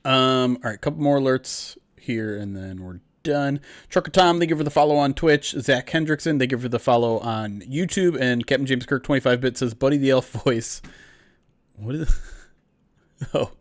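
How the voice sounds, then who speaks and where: A man's voice: medium pitch, normal speed, no room sound. Blunt male podcast co-host, dry sound. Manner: blunt and emphatic. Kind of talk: casual sports podcast chat.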